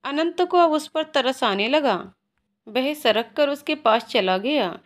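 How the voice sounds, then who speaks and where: A woman narrates a romantic story in an even, scripted way. Her voice sits fairly high, and she reads at a steady pace. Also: slow.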